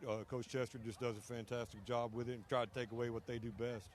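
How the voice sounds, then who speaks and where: A man's voice: medium pitch, little pitch movement, fast. A man, a football coach, giving a plain colloquial interview outdoors on the sideline. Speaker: high school football head coach. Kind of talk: brief on-field halftime interview. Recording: faint outdoor stadium noise.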